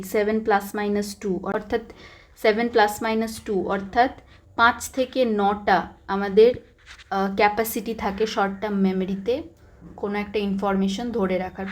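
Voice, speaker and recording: A woman's voice: mid-range voice, a little mellow. A young woman teaching psychology exam revision. She stresses key points, repeats them and mixes in English terms.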